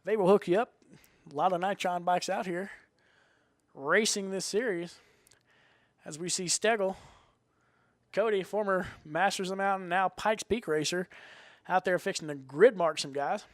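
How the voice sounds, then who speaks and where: A man's voice: sits high, normal speed, pauses often, no room sound. A man doing live trackside announcing at a motorcycle race in a folksy, rambling showman's manner, stretching out names and phrases for emphasis.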